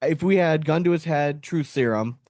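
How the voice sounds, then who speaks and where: A man co-hosting a podcast talks about sport casually and analytically, in a blunt, profane, slangy way. His voice is on the high side and a little mellow, at a normal speed. The recording is dry, with clean studio sound.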